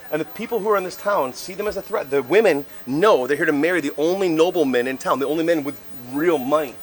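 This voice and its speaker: A man working as a ghost tour guide, telling stories in an animated, theatrical way with casual, jokey asides. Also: a little high. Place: outdoors on a city street walking tour. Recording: noisy outdoor street ambience.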